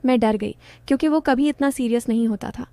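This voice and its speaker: A woman's voice: a little high, brisk, dark tone, no echo, clean studio sound. A woman narrating an emotional first-person story in a confiding storytelling manner.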